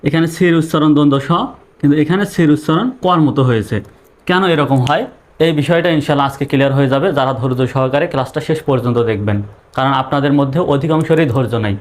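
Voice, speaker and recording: A man gives an online video lesson on English pronunciation. His voice sits a little high. He talks patiently and repeats himself, posing questions and answering them himself. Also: fast. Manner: patient, repetitive, asks and answers own questions.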